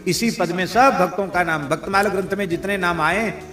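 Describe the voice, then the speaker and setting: A man's voice: high-pitched, normal speed, pushed and bright. A man giving a devotional sermon as a spiritual teacher, preaching unhurriedly, asking rhetorical questions and reciting verses. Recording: echoey hall with faint music.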